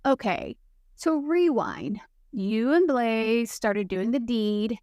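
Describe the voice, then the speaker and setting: A woman's voice: a little high, sing-song, slow, a little mellow, no echo, full character voice. Hermione, a woman reading as a sarcastic young witch. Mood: stunned. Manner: dry, teasing drawl.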